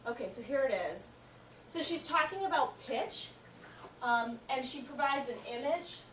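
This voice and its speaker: A woman college instructor teaching a class in an upbeat, encouraging way. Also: a little high. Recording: echoey classroom, mic far off, noisy.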